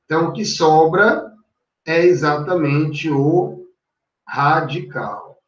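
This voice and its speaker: A man's voice: a little high, slow pace. A man teaching grammar for exam prep, explaining step by step and constantly checking the class is following. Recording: echoey room, distant dull mic.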